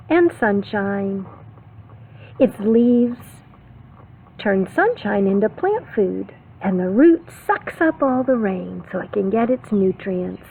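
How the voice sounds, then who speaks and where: A preschool teacher reads a picture book aloud to young children, speaking slowly and expressively with simple explanations, teacherly phrasing and questions for the kids. Her medium-pitched voice has a breathy edge. The tinny, phone-like narrow-band recording carries faint background noise.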